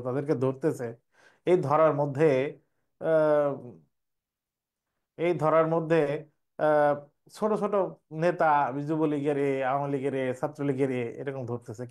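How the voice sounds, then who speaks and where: A young man with a slightly high voice and a darkish tone teaches an exam preparation class. He explains things step by step, repeating each question before he answers it.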